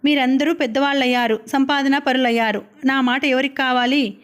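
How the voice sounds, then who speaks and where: A woman's voice: high voice, fairly even intonation, moderate pace, close to an everyday voice. A woman reading the part of an indulgent middle-aged mother who pleads and pities herself. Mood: pleading. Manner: pleading, self-pitying.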